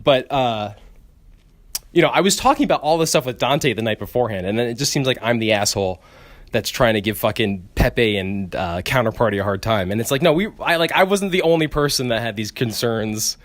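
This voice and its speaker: A man's voice: mid-range voice, expressive, brisk. A young man hosting a podcast, talking casually on his own in a rambling, profane way with frequent restarts and stammers. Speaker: podcast host. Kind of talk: casual solo podcast monologue.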